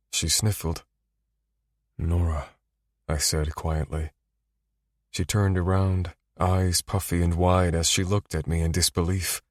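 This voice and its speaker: A man narrating a romance audiobook in the first person, with low, steady, intimate storytelling. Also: no room sound, clean studio sound.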